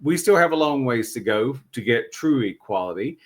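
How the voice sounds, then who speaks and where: A man's voice: medium pitch, expressive, normal speed. A middle-aged or older man interviewing casually, reflective, feeling his way through his phrasing.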